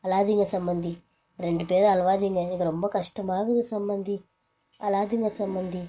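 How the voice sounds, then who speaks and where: A woman's voice: mid-range voice, level tone, normal speed, mellow, close to an everyday voice. A woman voicing a scheming mother-in-law in a cartoon serial, who scolds one daughter-in-law and fusses over the other. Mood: coaxing. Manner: scolding and dismissive, then fussing and coaxing. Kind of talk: Tamil cartoon serial voice acting.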